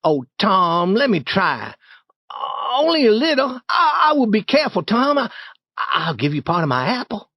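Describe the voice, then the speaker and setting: A man's voice: sits high, big pitch swings, normal speed, sharp tone, no room sound, studio quality, voice pushed up, full character voice. A man voicing an eager boy who plays at being a riverboat in a storybook reading. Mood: pleading. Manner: boisterous, pleading.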